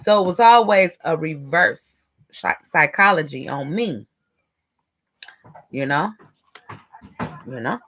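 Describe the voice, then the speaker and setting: A woman's voice: low voice, animated, slow pace, pauses often, a bit bright, a little hiss or hum. A middle-aged woman, chatting candidly to her viewers while she eats and does her makeup. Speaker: lifestyle vlogger. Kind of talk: casual chat while doing makeup.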